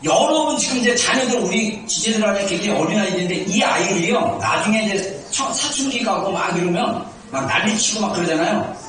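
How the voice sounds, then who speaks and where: A pastor in his fifties with a naturally high-toned voice, preaching a sermon animatedly, from soft asides to shouts. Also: brisk, few pauses, slight background noise. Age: 50s. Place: church sanctuary. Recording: echoey room, distant mic.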